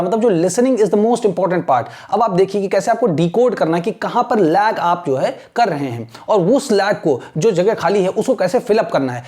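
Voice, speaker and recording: A man teaching a lecture in Hindi mixed with Indian-accented English, slowing down deliberately on English lines to model pronunciation. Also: high voice, mellow. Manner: mixes Hindi and English, repeats "ठीक है ना". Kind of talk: classroom lecture.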